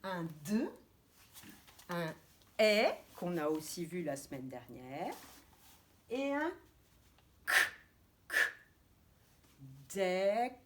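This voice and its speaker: A woman teaching young children to read over a camera mic, sounding out each letter slowly and patiently. Her pitch bounces around a lot as she coaxes them along. A faint hiss sits under the recording. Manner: slow, careful sounding out of letters; lively, coaxing teacher's voice. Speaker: preschool teacher. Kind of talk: children's reading lesson by video.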